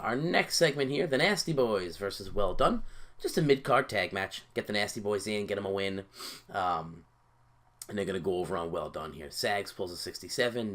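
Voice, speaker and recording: Halting, lower-voiced man narrating gameplay. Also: fairly bright tone. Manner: halting, many fillers and repeated words. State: sleepy, yawning early in the day. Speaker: host playing a wrestling booking game. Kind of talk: casual gameplay commentary.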